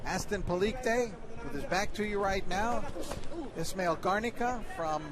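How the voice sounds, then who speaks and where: A man's voice: sits high, lively intonation, unhurried. A man calling a boxing match as a live play-by-play commentator at ringside. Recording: noisy arena, loud crowd behind.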